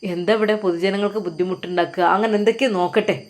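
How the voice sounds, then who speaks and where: A woman's voice: mid-range voice, fairly even intonation, lightly acted. A woman doing a taunting police officer. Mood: bossy, mocking. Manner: brusque, taunting, quick. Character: gruff male police officer, mocking and bossy. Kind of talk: storytelling.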